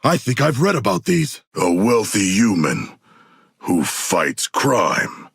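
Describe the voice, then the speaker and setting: An actor playing a hulking, noble shark warrior in a video game, with formal, grandiose diction and an earnest, literal-minded manner. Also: male voice, fairly low pitch, huge pitch swings, takes it slowly, gravelly, slightly rough, no room sound, studio quality, exaggerated voice. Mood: musing, formal. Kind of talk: theatrical video game voice acting.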